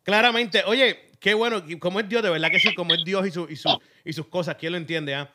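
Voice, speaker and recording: A male interviewer with a notably high voice in a casual chat. He chimes in approvingly and asks about plans, heard through heavy, constant background noise. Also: a little fast. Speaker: interviewer host.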